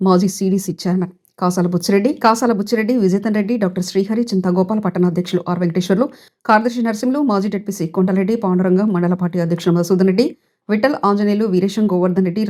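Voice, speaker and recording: A woman news anchor reading a scripted bulletin in an even newsreader delivery. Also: mid-range voice.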